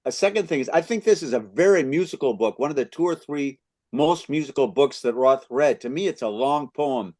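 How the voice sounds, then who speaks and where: A man's voice: medium pitch, animated, a little fast, darkish tone. A man in his fifties from the United States, hosting a book club and answering questions thoughtfully, with frequent restarts. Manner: reads excerpts aloud. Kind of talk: literary discussion, answering questions.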